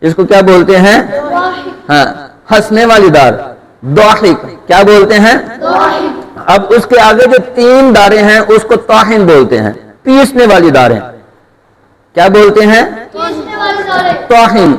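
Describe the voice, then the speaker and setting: A man's voice: high voice, expressive, pauses often. A man teaching Quran letter pronunciation, asking his students questions and answering them himself, drawing out each letter sound. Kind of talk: Urdu tajweed lesson, call-and-response drilling. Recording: long hall reverb.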